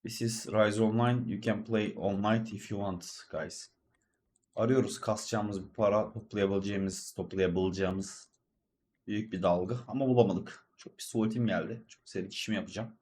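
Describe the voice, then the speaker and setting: A man's voice: on the low side, steady tone, brisk, darkish tone. A young man casually commenting over his gameplay, rambling and chatty as he talks straight to his viewers. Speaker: gaming video host and streamer.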